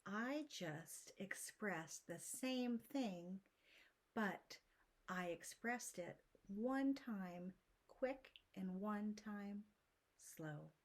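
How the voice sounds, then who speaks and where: A woman leads a gentle art lesson at a very unhurried pace. Her pitch is ordinary for a woman, and she often slips into soft, breathy whispers. She keeps the talk calm and soothing. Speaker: art teacher.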